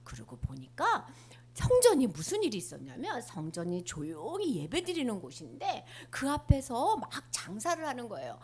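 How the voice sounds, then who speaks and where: A woman telling a Bible story to children in an animated way, asking them questions as she goes. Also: a little high, normal speed, husky. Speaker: children's sermon teacher.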